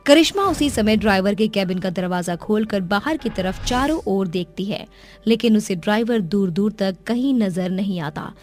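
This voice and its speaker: A woman narrating a cartoon story in a slow, measured storybook style. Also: medium pitch, animated, faint music behind.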